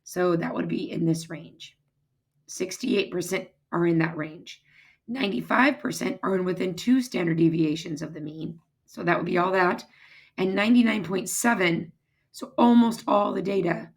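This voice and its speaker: Hoarse, husky woman teaching. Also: on the low side. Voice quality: husky, raspy, strained voice. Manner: informal, step-by-step explaining. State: hoarse, losing her voice, throat-clearing. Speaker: math teacher. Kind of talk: recorded lecture, informal explaining.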